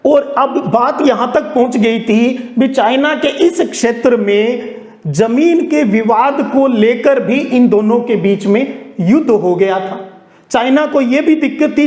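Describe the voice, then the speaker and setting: This storytelling classroom lecture comes from a man whose voice is extremely high in pitch yet darkish in tone. Chatty and explanatory, he raises questions and resolves them himself, and the room has a noticeable echo.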